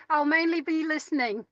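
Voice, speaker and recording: A woman from Israel talks through a car speakerphone while driving. Her voice sits high and bright, and she speaks haltingly. The sound is muffled and dry, with no room around it. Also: no echo. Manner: hesitant, halting, with short laughs. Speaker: meeting participant from an antiquities authority. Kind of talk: casual introduction in a video meeting.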